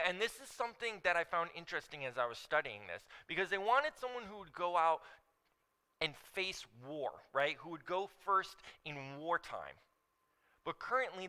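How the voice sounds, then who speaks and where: A man's voice: a little high, pushed and bright, clean tone, low-quality recording. A man preaching a sermon in a church, explaining scripture and leaning hard on key words. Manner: emphatic, stresses key words while teaching. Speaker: pastor. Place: church sanctuary.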